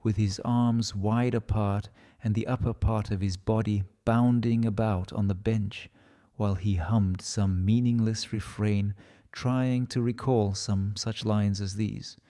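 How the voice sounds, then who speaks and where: A man's voice: on the low side, steady tone, a little slow, mellow. A man with a Russian accent reading literary fiction aloud as a scripted audiobook narration.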